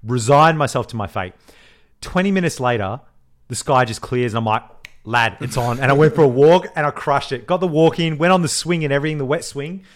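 A young man co-hosting a podcast, telling stories in a lively way, teasing his co-host and swearing freely. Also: fairly high pitch, fairly quick. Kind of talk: casual chat.

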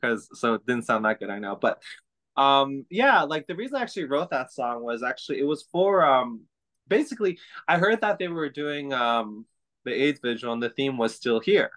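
A man talking as an interview guest, earnest and halting, with a slightly hoarse voice today. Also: medium pitch, sing-song, fairly bright tone, poor audio. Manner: earnest, halting, many restarts and fillers. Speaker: guest, activist and songwriter. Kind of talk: casual interview chat.

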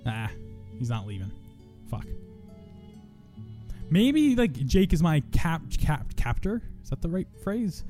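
A man's voice: fairly high pitch, big pitch swings, slow, pauses often, over music. A young man hosting a podcast in casual chat, rambling, swearing and poking fun at himself. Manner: profane, rambling, self-mocking. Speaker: podcast host.

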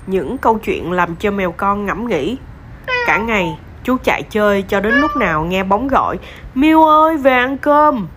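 Woman storyteller, kids story, animated reading, lively pitch, faint hiss.

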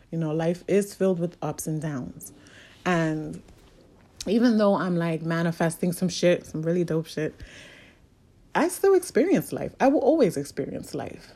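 Woman, motivational speaker, casual and preachy, swears often; warm, lowish voice. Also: slightly rough. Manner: candid, profane, preachy.

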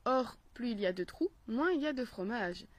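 A woman reading a storybook aloud and voicing a smooth-talking, scheming male rat who speaks persuasively. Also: fairly high pitch, lively intonation, normal speed. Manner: persuasive, glib.

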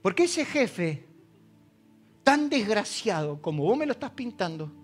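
A man with an Argentine accent preaching a sermon as pastor. He tells stories, acting out the quoted dialogue and swinging from loud emphasis to hushed asides. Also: sits high, sing-song, unhurried, husky, faint music behind. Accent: Argentine Spanish. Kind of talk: sermon with told anecdotes.

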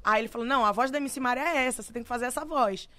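Bright, high-voiced Brazilian woman. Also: rapid-fire, dry recording. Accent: Brazilian Portuguese. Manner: animated, slangy storytelling with frequent laughs. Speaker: singer guest. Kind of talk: casual podcast chat.

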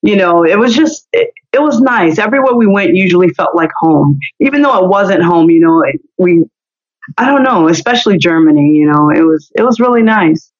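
A woman's voice: on the low side, animated, brisk. A woman in her forties, a singer, chatting as a podcast guest in a loose, rambling way. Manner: rambling, many "you know" fillers. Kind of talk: casual interview chat. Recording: slightly dull lo-fi audio.

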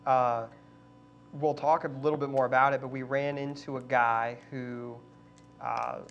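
A man's voice: medium pitch, little pitch movement, a little slow, creaky, a bit bright. Upbeat male podcast co-host, loose casual delivery, slightly muffled audio with a faint hum. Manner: upbeat, chatty, many fillers.

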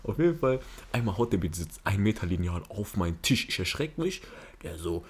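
A man's voice: fairly low pitch, quick pace, husky. A young man hosting a casual podcast chat, telling slangy school stories and acting out the people he quotes. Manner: slangy, animated, acts out quoted teachers. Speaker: podcast host.

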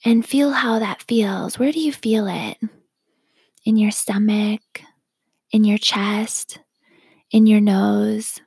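Breathy, whispery meditation guide, a woman. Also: medium pitch, no room sound. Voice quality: soft whispery breathy delivery. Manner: slow, calm, gently instructive.

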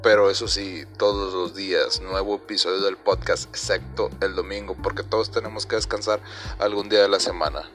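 A man putting on a deep, slow announcer voice for podcast promos. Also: little pitch movement, fairly bright tone, faint music behind. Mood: solemn.

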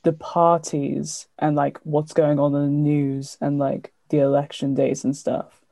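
A woman's voice: deep voice, flat delivery, unhurried, gravelly, warm tone, dry recording. A young woman, asking questions and explaining things in casual conversation. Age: young adult. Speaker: interviewer.

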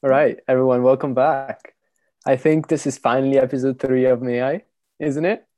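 A British man hosting a casual podcast over a video call, talking in a relaxed, rambling way. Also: mid-range voice, moderate pace, no room sound. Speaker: podcast host. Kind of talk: casual chat. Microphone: video call mic.

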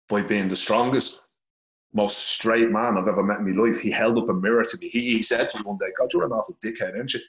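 Blunt and earnest, with plenty of swearing, a middle-aged Irishman tells his story as a podcast guest over a phone held to his face. His lowish voice comes across roomy on poor audio.

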